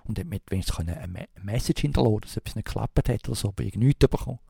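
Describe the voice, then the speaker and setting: A man with a Swiss German accent telling a rambling anecdote in a casual way, halting often with fillers and restarts and imitating thumping sounds. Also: fairly low pitch, creaky, mellow, breathy edge, no echo, studio quality. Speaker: storyteller.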